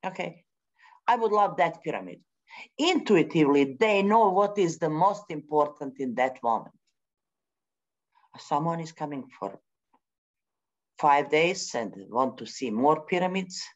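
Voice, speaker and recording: A middle-aged woman speaks in a low voice that swoops up and down as she talks. She goes slowly, searching for words in halting, English. The recording is dull and lo-fi. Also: lively intonation. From Bosnia. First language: Bosnian. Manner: non-native English grammar. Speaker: forum speaker. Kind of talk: spontaneous spiritual talk.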